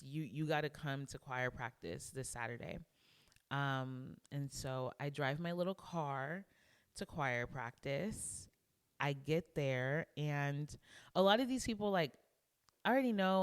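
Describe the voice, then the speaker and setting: A young adult woman co-hosting a podcast, telling a story in a casual, animated way and acting out what people said. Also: deep voice, smooth. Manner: animated storyteller who acts out quotes. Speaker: podcast co-host. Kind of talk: casual chat.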